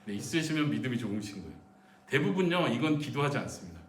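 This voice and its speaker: A man's voice: medium pitch, big pitch swings, quick pace, a little hiss or hum. A male missionary preacher giving an emphatic sermon at a midweek church service, questioning the congregation directly. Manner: dramatizes pleading prayers in a raised voice. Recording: echoey church room, voice from a distance.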